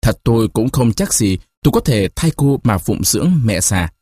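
A man voicing a shy, evasive young village man who talks gently and hesitantly. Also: lowish voice, big pitch swings, moderate pace, no room sound, clean studio sound. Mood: pleading.

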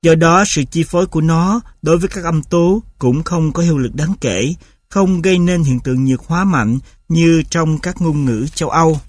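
A man reads a textbook aloud at an even, measured pace, with a voice a touch higher than most men's. He taps out examples in short, clipped rhythmic beats. The recording is close and dry, with no room sound. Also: no room sound. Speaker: narrator reading a linguistics textbook. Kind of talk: audiobook-style textbook reading.

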